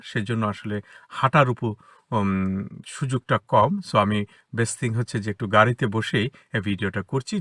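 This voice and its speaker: A man with a Bengali accent teaches spoken English to children, his pitch moving in a lively way as he explains step by step. His voice is bright with a slight huskiness. The sound is dry and close, recorded inside a parked car. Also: slightly rough, no room sound. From Bangladesh. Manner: explanatory, repeats example words slowly. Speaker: English teacher, academy founder.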